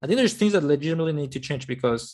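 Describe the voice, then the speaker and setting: A man's voice: fairly high pitch, expressive, rapid-fire, a little mellow. A man co-hosting a casual podcast chat, easygoing and agreeable, often restarting his sentences. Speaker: podcast co-host.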